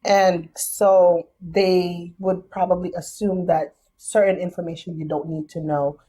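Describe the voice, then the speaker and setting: This podcast guest is a young businesswoman, a founder, walking through ideas one step at a time with a casual, considered manner. Her low, mellow, husky voice comes through a low-quality recording of what is a casual interview.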